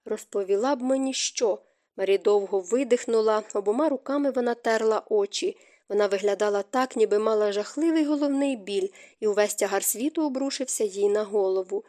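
A woman reading a novel aloud as an audiobook narrator, in a calm, measured manner. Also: mid-range voice. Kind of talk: scripted narration of a romance novel.

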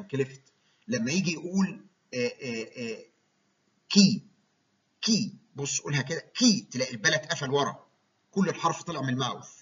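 A man's voice: medium pitch, bright, forceful tone, breathy edge. A man with an Egyptian accent giving a medical lecture, explaining terms and checking in with his listeners. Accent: Egyptian Arabic. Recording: dull lo-fi recording.

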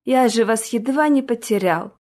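A woman voicing a worried young prince who scolds and comforts his wife, speaking slowly and earnestly. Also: fairly high pitch, a little mellow, natural voice. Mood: tender. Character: worried young prince, stern yet loving.

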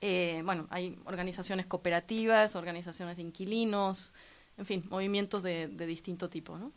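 A woman from La Plata whose Argentine accent is mixed with Mexican, explaining her organization's work calmly and fluently as a guest in a radio studio interview. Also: fairly low pitch. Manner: measured, fluent, structured explanations with frequent "¿no?" and "digamos". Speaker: guest, coalition president.

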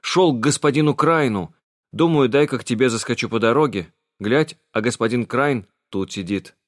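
A man's voice: mid-range voice, normal speed, no echo, clean studio sound, lightly acted. A man voicing a sullen, grumbling village man. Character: gloomy burly village man, stubborn.

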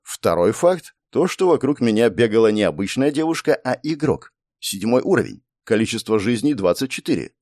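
A man narrating a first-person fantasy audiobook in an expressive storytelling manner. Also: medium pitch, moderate pace, no room sound, clean studio sound.

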